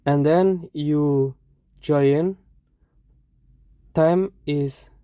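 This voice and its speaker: Indonesian accent, teacher, very slow halting phrases, dark smooth voice. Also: mid-range voice, steady tone, no echo. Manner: halting, short phrases, self-correcting. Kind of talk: explaining a lesson in halting English.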